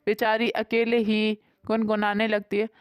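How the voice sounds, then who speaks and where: A woman narrating a moral story in a plain, even storytelling manner. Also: mid-range voice, unhurried, smooth, dry recording.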